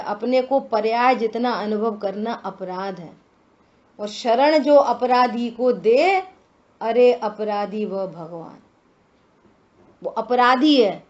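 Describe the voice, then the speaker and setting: A woman giving a religious scripture discourse, slow and deliberate, asking many rhetorical questions. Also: fairly high pitch, dull audio. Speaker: scripture teacher.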